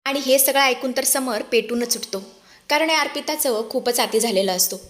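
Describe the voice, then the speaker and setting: A woman retells a serial's twists in an animated, dramatic storytelling voice. Her voice is on the higher side, and she voices all the characters herself. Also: normal speed. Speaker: serial recap narrator. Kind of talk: dramatic story recap narration.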